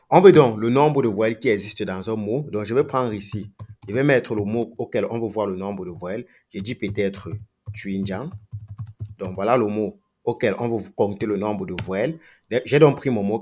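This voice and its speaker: A man teaching a coding tutorial, thinking aloud, asking himself rhetorical questions and repeating phrases as he goes. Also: lowish voice. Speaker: programming tutor. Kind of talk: screen-recorded coding tutorial.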